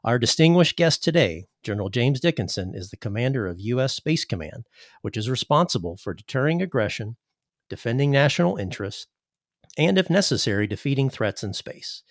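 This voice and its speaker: An American man working as a podcast host, reading a scripted introduction and questions in a formal, measured way. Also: medium pitch, big pitch swings, dry recording, studio quality. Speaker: podcast host, army officer.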